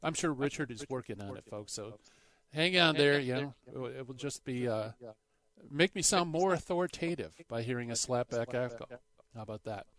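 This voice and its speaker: A man's voice: mid-range voice, expressive, normal speed, fairly bright tone. A man hosting a live religious call-in show in an upbeat, chatty manner, his microphone doubled by a slapback echo. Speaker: radio show host. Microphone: studio microphone with headphones. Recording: slapback echo on studio mic.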